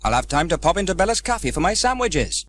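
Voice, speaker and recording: A man's voice: sits high, sing-song, fairly quick, a bit bright, a little hiss or hum, pitched above the performer's own voice. A man voicing a cheerful, confident young village fireman in a children's storybook, chirpy and hearty.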